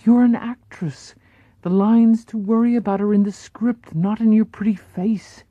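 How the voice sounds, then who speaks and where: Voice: medium pitch, steady tone, a little slow, no room sound, phone-quality sound, voice pushed up, natural voice. A narrator voicing a reassuring female acting coach with a European accent who calls everyone darling. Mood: soothing. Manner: soothing, reassuring.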